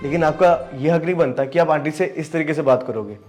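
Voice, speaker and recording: Young man acting an earnest, pleading younger brother, slightly high voice, faint music. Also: fairly quick, a little mellow, lightly acted. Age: young adult. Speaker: younger brother in a family skit. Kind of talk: scripted family drama skit.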